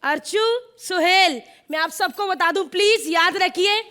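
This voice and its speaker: A woman's voice: very high-pitched, measured pace, bright, forceful tone, exaggerated voice. A woman playing a sassy, quarrelsome newlywed bride in a stage comedy sketch. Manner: sassy, teasing. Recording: studio audience laughter and noise.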